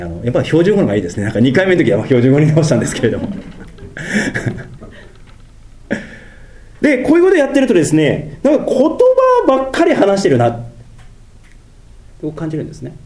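A middle-aged man with a Tohoku accent preaches a sermon as pastor. His voice sits a little high but sounds dark and mellow, with pitch that leaps up and down. He stretches out his lofty passages and rushes through quieter asides. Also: wildly swooping pitch. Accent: Tohoku Japanese. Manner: swings between lofty, drawn-out preaching and quick, mumbled asides.

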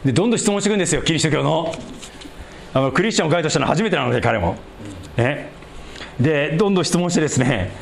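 A man preaching a sermon and leading a prayer, stressing key words by stretching them out slowly and dropping low and quiet at the ends of phrases. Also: lively intonation, vocal fry, slight background noise. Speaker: pastor.

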